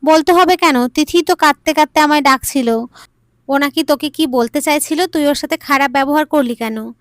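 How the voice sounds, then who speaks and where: Woman doing a loud scolding father. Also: high-pitched, moderate pace, no echo, studio quality. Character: angry scolding older father.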